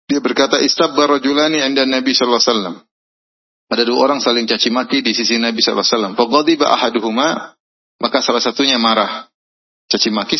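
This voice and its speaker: A man's voice: mid-range voice, lo-fi sound. A man with an Indonesian accent giving a hadith lesson, reading Arabic and then explaining it in everyday speech, sometimes acting out angry voices. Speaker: preacher.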